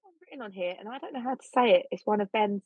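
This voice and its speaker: A woman's voice: mid-range voice, very fast, no room sound. A woman co-hosting a podcast, chatting casually with a candid, jokey and blunt manner. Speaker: podcast co-host. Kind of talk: casual chat. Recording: slightly dull, dry recording.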